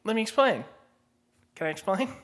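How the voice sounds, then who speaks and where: A man co-hosting a casual podcast, animated and swearing freely, dropping into muttered asides. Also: high voice, normal speed. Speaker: podcast co-host. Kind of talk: casual chat.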